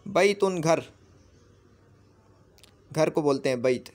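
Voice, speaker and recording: A man with an Urdu accent teaching Arabic grammar in a patient lesson, slowly repeating each word for the learner. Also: a little high. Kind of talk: explanatory lesson.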